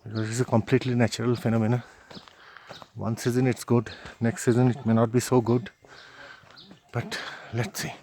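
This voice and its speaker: Male travel vlogger, mid pitch, casual walk-and-talk on a mountain trail, phone-recorded outdoors. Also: little pitch movement, moderate pace, pauses often, dark tone, slight background noise. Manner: chatty, thinking aloud while hiking. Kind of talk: casual walking commentary. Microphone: handheld phone camera.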